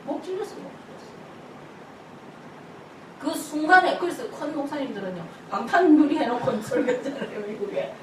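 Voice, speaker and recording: An older woman pastor, preaching an animated sermon full of stories, acting out church members' voices and laughing often. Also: high voice, fairly quick. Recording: echoey hall from far off, noisy ambience.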